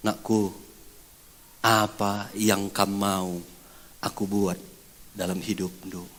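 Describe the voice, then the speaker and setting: A man voicing a gentle, compassionate male teacher who speaks slowly, low and hushed. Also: level tone, slight background noise. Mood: tender.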